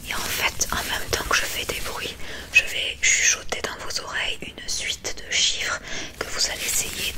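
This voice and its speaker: A female ASMR creator plays an examiner in a whispered medical exam roleplay, captured on a close ASMR microphone. Her breathy whisper is unhurried, gentle and reassuring as she gives soothing instructions.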